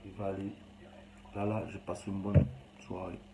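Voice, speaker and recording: A man's voice: low voice, completely flat delivery, normal speed, gravelly, roomy sound, background noise. A young man with a Cameroonian accent talks bluntly and rambles in a casual, slangy monologue. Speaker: vlogger.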